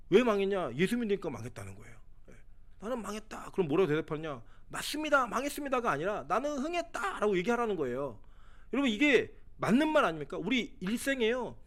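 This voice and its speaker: A young male pastor preaching a sermon in a church, acting out quoted voices and swinging between loud and hushed. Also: sits high. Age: young adult. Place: church sanctuary.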